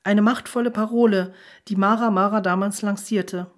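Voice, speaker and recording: Woman reading as bossy cool matriarch, firm, measured, storybook. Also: medium pitch, steady tone, close to an everyday voice. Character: commanding woman, cool and authoritative.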